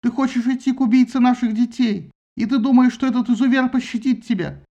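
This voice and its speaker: A grieving old queen in a read-aloud myth, pleading in a high, wailing voice, performed by a man. She begs and laments loudly. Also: steady tone, a little fast, highs cut off.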